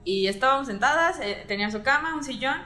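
A woman's voice: sits high, quick pace. A woman with a Mexican accent telling a story in casual chat, acting out the voices of the people in it. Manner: animated storytelling, acting out quoted dialogue. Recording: roomy echo, faint music.

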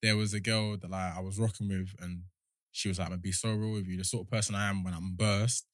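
A man's voice: low voice, little pitch movement, fast talker, dry recording, clean studio sound. A young man with a London roadman accent, talking casually in a slangy, discursive way. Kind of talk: casual chat.

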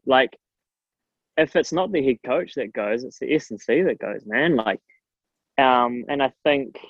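Young male, broad Kiwi accent, mid-pitched, earnest and slangy interview guest. Dry, slightly muffled sound. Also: no room sound. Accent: broad New Zealand. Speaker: strength and conditioning coach, guest. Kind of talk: casual interview chat.

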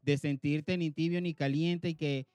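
A man co-hosting a podcast, chatting casually in a somewhat high voice. He is animated and slips into quoted voices as he talks. The recording is dry and close. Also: measured pace, dry recording. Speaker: podcast co-host. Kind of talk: casual chat.

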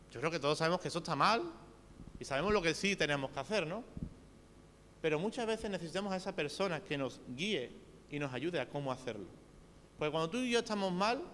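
Spanish preacher in a reverberant hall. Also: male voice, on the high side, a bit bright. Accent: Spain Spanish. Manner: earnest, addresses listeners directly with rhetorical questions. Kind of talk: sermon. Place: church hall. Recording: reverberant hall with faint hum.

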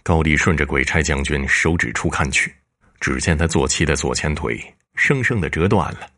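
A man narrating a storybook tale in an expressive, dramatic way. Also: a bass voice, normal speed.

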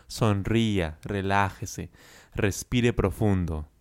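Male Spanish coach, unhurried and crisp, patient and encouraging. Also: lowish voice. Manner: slow, carefully enunciated teaching with encouraging praise. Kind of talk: language lesson with repeat-after-me drills.

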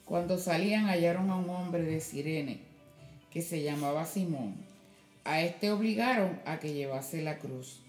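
A woman reading scripture aloud in a slow, measured way during a church service. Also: fairly low pitch, darkish tone, faint music behind. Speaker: scripture reader. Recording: echoey room.

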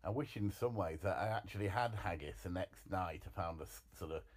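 A man's voice: deep voice, a little fast. A man giving a casual spoken food diary in a wry, rambling, self-mocking way. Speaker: vlogger. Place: chip shop café. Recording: loud background noise.

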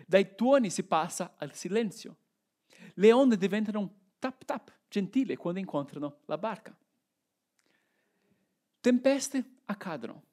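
A man's voice: high voice, a little mellow. A man preaching a sermon. He reads Bible passages aloud and then explains them, asking reflective rhetorical questions.

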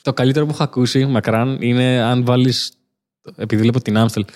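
Relaxed young man telling stories. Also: medium pitch. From Crete, Greece. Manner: relaxed storytelling, laughs easily. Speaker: guest comedian. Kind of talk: casual podcast chat.

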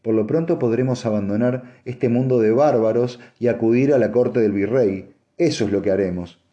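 A man's voice: moderate pace, dark tone, lo-fi sound, lightly acted. A man reading an audiobook and voicing a haughty, scheming noblewoman with a cold, cutting manner. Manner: cutting, mocking, rising to shrill insistence.

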